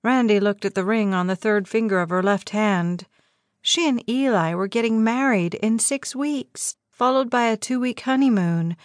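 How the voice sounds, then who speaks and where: A woman narrating an audiobook novel in a measured, steady storytelling voice. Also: on the high side, no echo. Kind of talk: scripted narration. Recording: dry close studio sound.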